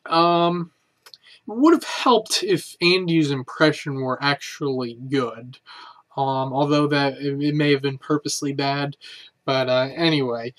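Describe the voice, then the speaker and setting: A man reviewing a comedy show in a casual, halting way, with many filler words. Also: on the high side, fairly bright tone.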